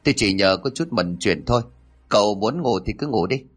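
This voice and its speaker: A man voicing a nagging, sharp-tongued old mother-in-law who scolds and wails melodramatically. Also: on the low side, animated, fairly quick, husky. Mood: abusive.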